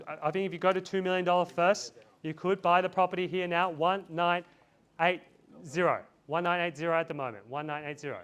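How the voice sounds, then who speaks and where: A man's voice: high voice, steady tone, a little fast, a bit bright, clear, resonant tone. A man calling a live property auction outdoors, repeating bid figures in a chant and urging buyers on. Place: outdoors in a residential street.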